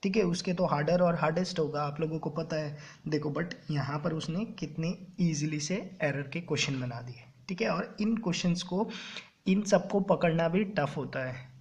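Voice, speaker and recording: A man coaching exam students on English grammar in Hindi mixed with English terms, often checking "clear?" as he goes. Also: fairly high pitch, moderate pace, darkish tone. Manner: keeps checking understanding with "clear?" and "ok". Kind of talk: classroom-style exam coaching lecture.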